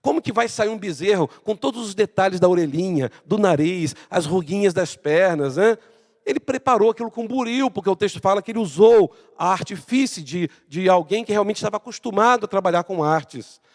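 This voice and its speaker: A man with a Brazilian Portuguese accent preaching a Bible-study sermon as pastor, reading scripture slowly and asking rhetorical questions. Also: high-pitched, darkish tone, long reverb tail.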